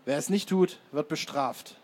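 A man's voice: on the high side, a little slow, a little mellow, slight background noise, lightly acted. A man voicing a burly, hostile teenage Hitler Youth leader who talks through clenched teeth in an audiobook. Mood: menacing.

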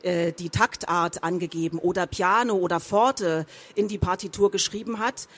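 A woman explains reading technique in a clear teaching tone. She breaks off now and then to demonstrate emphasis and pitch on sample sentences, speaking as an experienced professional speaker. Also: normal speed. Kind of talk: spoken lesson with read example sentences.

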